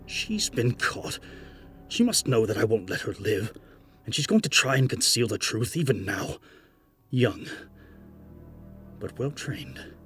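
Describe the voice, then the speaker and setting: A man's voice: medium pitch, very animated, a little slow, pauses often, a bit bright, voice pushed up. A man voicing a sadistic, paranoid corrupt police chief in an audio drama, taunting and menacing, with music behind. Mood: smug suspicion.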